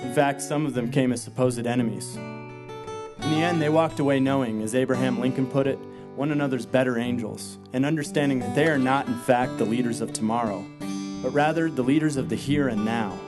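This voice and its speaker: A man giving formal, measured scripted narration for a documentary. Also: medium pitch. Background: loud guitar music.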